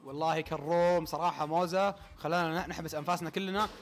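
A young man giving live esports play-by-play commentary, excitable and rapid-fire, with a voice worn out from a long day of calling matches. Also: fairly high pitch, faint music behind. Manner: excitable, rapid-fire calls that burst into shouts. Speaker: tournament commentator.

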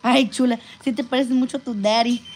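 Woman, family vlogger, jokey and teasing, mid-high voice, noisy hospital room. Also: a little fast. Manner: joking, teasing, playful. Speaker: family vlogger visiting her sister. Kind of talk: casual family chat mixing Spanish and English. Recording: hospital room with steady background noise.

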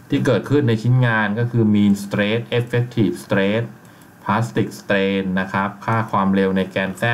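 Male instructor, lowish voice, relaxed step-by-step tutorial delivery over faint hiss. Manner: relaxed, explains step by step with frequent polite fillers. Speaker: software instructor. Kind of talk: screen-recorded software tutorial.

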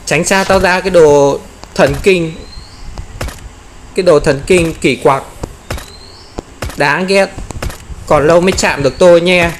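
A man giving excited gameplay commentary, often exclaiming and playfully taunting enemies. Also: on the high side, a little slow, long pauses, a little hiss or hum.

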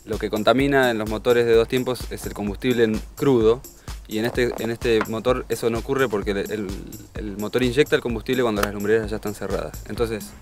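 Engine dealer guy, lowish voice, explains tech stuff with lots of eh's, faint music. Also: fairly even intonation, a little fast. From Argentina. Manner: technical, with frequent "eh" fillers. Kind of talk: technical explanation in an interview.

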